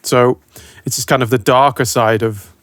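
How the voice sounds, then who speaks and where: A man's voice: medium pitch, steady tone, normal speed, a bit bright, no echo. Dry-sounding male podcast host. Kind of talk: casual podcast chat.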